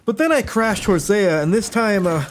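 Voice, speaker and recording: Wry, higher-pitched male gaming narrator. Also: lively intonation, normal speed, background noise. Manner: wry, self-deprecating storytelling. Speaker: gaming YouTuber. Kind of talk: scripted gameplay narration.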